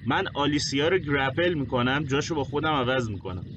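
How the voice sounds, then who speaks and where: A man playing a tabletop game, working out his moves out loud, counting numbers and checking with the game master. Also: medium pitch, lo-fi sound, noisy background. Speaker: player. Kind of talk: casual chat at a tabletop game.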